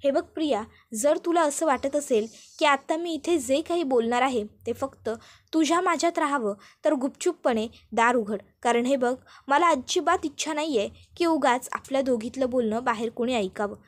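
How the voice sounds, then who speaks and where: Firm, reasoning young woman, read by a woman narrator, high voice. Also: normal speed.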